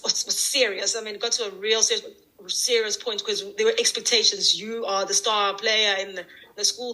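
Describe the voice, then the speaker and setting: A young woman with a South African accent shares candid stories as a podcast guest. Her voice is bright and clear. She tells them in an animated, lively way and often restarts her sentences. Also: mid-range voice, low-quality recording. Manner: animated, candid storyteller with frequent restarts and laughter. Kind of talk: casual podcast storytelling.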